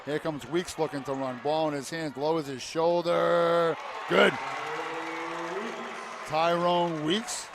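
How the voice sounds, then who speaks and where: A man calling a high school basketball game play by play in short clipped phrases, rising to shouts on big plays. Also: fairly even intonation, slow pace, vocal fry, pauses often. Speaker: play-by-play announcer. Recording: loud crowd and arena noise. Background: cheering crowd, bouncing basketball.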